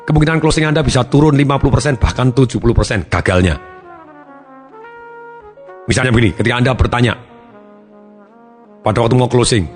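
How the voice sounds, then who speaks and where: A man giving a motivational seminar talk, acting out example voices with big swings in pitch. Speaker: motivational speaker.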